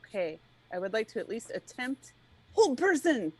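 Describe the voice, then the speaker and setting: A woman playing a tabletop game, bouncy and excitable. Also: medium pitch, low-quality recording. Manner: bouncy, excitable, quick to laugh. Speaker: player. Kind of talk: casual tabletop play.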